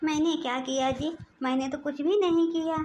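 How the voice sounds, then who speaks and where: Woman voicing a meek young wife, cartoon, pleading tone, high voice. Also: fairly even intonation, normal speed, darkish tone, a little hiss or hum, natural voice. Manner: pleading, placating.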